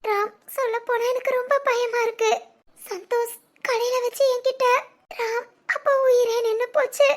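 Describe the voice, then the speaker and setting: A woman voices a frightened young bride who keeps begging through tears. Her voice sits extremely high and thin. This is amateur family drama voice acting. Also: steady tone, normal speed. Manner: pleading, repeats her partner's name. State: crying.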